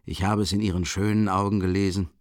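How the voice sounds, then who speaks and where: A man voicing a cynical, mocking gentleman villain with smooth irony in an audiobook reading. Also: sits low, level tone, fast talker, dry recording, clean studio sound, lightly acted. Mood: sneering.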